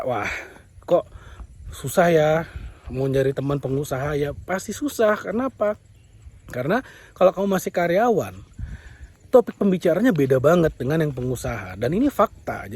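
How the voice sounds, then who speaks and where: A man's voice: a little high, a little mellow, slightly rough, dry recording. A man giving a motivational business talk, emphatic and repetitive, often acting out the complaints of other people. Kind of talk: motivational monologue.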